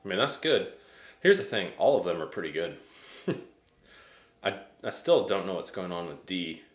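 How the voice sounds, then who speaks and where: A man's voice: low voice, big pitch swings, a little slow, reverberant. An American man chatting casually as he reviews a tasting, hesitant and thinking aloud. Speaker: whiskey reviewer.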